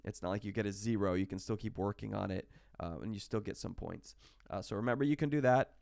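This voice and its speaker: A man's voice: fairly low pitch, fast talker, creaky, a little mellow, dry recording, studio quality. A sick man with hiccups, casually talking through a recorded online math lecture with many fillers and restarts. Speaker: math instructor.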